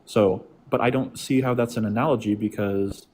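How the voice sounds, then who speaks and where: A man's voice: on the low side, fairly even intonation, moderate pace, a little mellow, a little hiss or hum. A man calling in over a video call that lags, debating casually and hesitantly with many "like" fillers. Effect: heard over a lagging video call. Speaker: caller debating the host.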